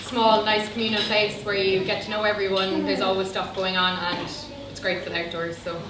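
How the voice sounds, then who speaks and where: A woman's voice: mid-range voice, flat delivery, fairly quick. Young woman, Cork Irish accent, chatty, rambling with ums, distant mic, echoey room, noisy. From Ireland (Cork). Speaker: interview guest. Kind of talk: casual chat. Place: busy indoor function room.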